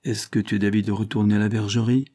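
A sleepy, easygoing young man speaks plainly, as a man voices him in a storybook reading. The voice is low and mellow, with a husky edge. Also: level tone, fast, lightly acted.

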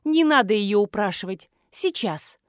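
A woman's voice: medium pitch, expressive, a little slow, no room sound, studio quality, close to an everyday voice. A woman reading the lines of a bossy, impatient female blogger who hurries everyone along.

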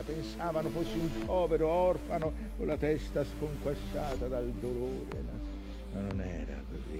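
Old obsessed sea captain, theatrical monologue, slow pacing, creaky gravel tone, brooding, haunted, weary. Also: male voice, a little high, heavily acted. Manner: brooding, halting delivery swinging from murmurs to impassioned outcries.

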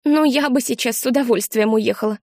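A woman reading an audiobook and voicing a young girl, a scared schoolfriend who talks in a high, breathless, shaky way. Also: fairly quick, a little mellow, no echo, studio quality. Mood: wistful.

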